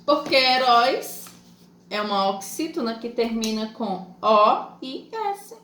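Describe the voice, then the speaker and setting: Brazilian woman teacher, slow and patient, slightly high voice, echoey room with faint noise. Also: animated, bright, forceful tone. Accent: Brazilian Portuguese. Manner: slow, patient, spells out letters and syllables. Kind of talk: online lesson for children.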